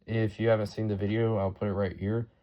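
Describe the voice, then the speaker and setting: As host of a collection video, a man shows off his weather radios in a casual, off-the-cuff show-and-tell narration. His voice is on the low side and dark in tone, with a flat delivery and a quick pace.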